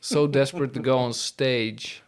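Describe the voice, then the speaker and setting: A man's voice: medium pitch, fairly even intonation, unhurried, smooth. A man co-hosting a comedy podcast, making dry sarcastic quips in casual chat. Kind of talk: casual banter.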